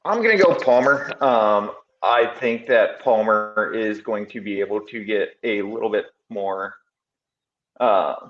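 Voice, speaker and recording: Low-voiced man on a roomy video call. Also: measured pace, lo-fi sound, slight background noise. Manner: relaxed, hedging with ums. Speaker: fantasy football co-host. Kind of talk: casual sports advice chat. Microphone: remote video call.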